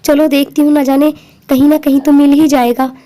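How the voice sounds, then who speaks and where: A woman acting out a doll-play story in the mother's part, with a high voice and a mellow, soft tone. Her delivery is dramatic, and she scolds the children firmly. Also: flat delivery, fairly quick.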